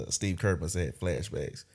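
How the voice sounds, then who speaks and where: A man with a very deep, low voice co-hosting a casual podcast chat. He talks in a laid-back, easygoing way and drops profanity without fuss. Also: darkish tone, breathy edge. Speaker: podcast co-host.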